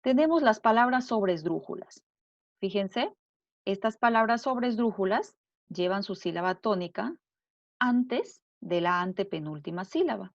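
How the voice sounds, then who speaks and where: A woman teacher giving a recorded grammar lesson, explaining slowly and deliberately and repeating her examples. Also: medium pitch, no echo. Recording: dull lo-fi dry recording.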